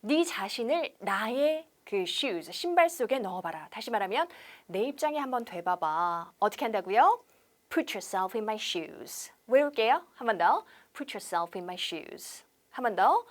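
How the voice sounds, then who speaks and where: A woman teaching English on television. She explains in Korean, asks rhetorical questions and drills example sentences slowly. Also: medium pitch. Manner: lively instructor patter with rhetorical questions.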